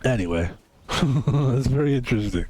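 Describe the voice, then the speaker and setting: Animated and a little mellow, this mid-range male voice moves at a moderate pace. The speaker, in his fifties, chats casually over a game stream, drifting between thoughts, reflecting and revising what he just said.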